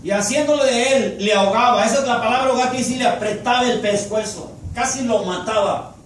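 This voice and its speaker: A man's voice: very high voice, fairly quick. A man preaching a sermon in Spanish with an emphatic, repetitive cadence. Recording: echoey and distant with faint noise.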